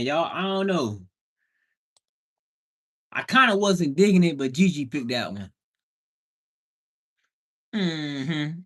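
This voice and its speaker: A man of Bahamian background, a livestream host and house flipper, speaks in a fairly bright voice on the high side. His casual stream talk is slangy and playful, punctuated by emphatic exclamations.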